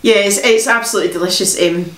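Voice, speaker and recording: A woman reviewing craft beer in casual chat, relaxed and hesitant with frequent ums. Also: mid-range voice, fast. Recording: echoey room.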